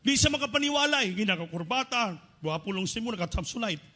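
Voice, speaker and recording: A Filipino-accented male preacher with a high, bright voice, telling his own story from the pulpit. He shifts into other people's voices as he goes, with an animated, storytelling delivery. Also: fast. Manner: animated storytelling with acted quotes. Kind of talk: sermon testimony.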